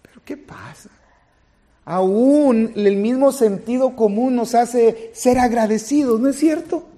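A man's voice: very high-pitched, takes it slowly. A man preaching a sermon as a pastor, speaking straight to the congregation and acting out small scenes. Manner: animated preaching, acts out little scenes, addresses congregation directly.

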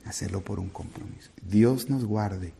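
A man preaching a sermon as a pastor, earnest, climbing to loud emphatic peaks and then falling soft and low. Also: unhurried, gravelly, slight background noise.

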